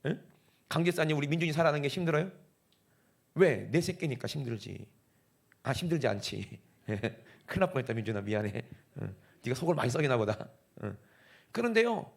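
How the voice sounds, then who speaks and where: A man with a Gyeongsang accent preaching a lively Sunday sermon in a church, often putting questions to the congregation. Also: medium pitch, fairly quick, creaky. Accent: Gyeongsang (Busan). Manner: animated, talks directly to the congregation with frequent questions. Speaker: pastor. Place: church sanctuary.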